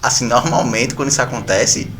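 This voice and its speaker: A man's voice: mid-range voice, a little fast, a bit bright, a little hiss or hum. A man co-hosting a church podcast, asking a guest a thoughtful question in a conversational tone. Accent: Brazilian Portuguese.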